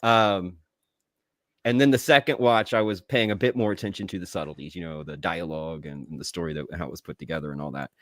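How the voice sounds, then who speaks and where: A man playing an easygoing young Spider-Man superhero, chatting casually and a little haltingly as a podcast guest reviewing a film. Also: deep voice, fairly bright tone, no room sound, clean studio sound. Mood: thoughtful, pleased.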